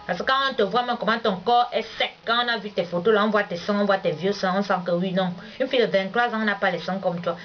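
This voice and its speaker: A woman's voice: mid-range voice, fast talker, hardly any pauses, faint music behind. A woman, scolding a rival in a heated, repetitive monologue. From Cameroon. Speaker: vlogger. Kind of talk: confrontational monologue addressed to a rival. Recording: dull lo-fi recording with faint hiss.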